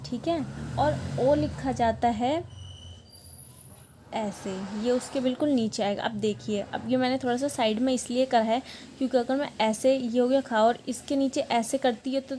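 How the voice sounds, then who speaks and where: A young woman teaching a language lesson, explaining words step by step, patiently repeating them slowly and checking in often. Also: a little high, fairly even intonation, mellow, slight background noise. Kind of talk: online language lesson, writing on a board.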